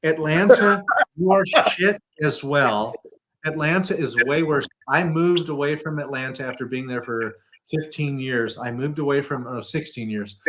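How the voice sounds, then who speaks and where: A man's voice: a little high, normal speed, a bit bright, slight background noise, rough recording. A man co-hosting a live show, ranting in a casual, heavily profane way. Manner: ranting, swears constantly. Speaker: co-host of a live variety show.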